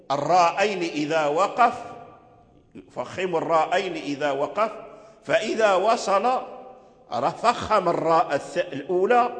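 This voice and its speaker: A man's voice: high-pitched, a bit bright, long reverb tail. A man teaching the rules of Quran recitation, patiently repeating each point several times. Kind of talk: religious lesson explaining recitation rules.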